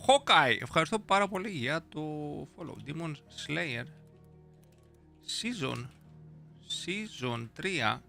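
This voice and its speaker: Gravelly, bright-voiced young man streaming. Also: fairly high pitch. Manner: playful, slangy, reads chat aloud. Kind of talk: casual live-stream chat. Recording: faint music behind.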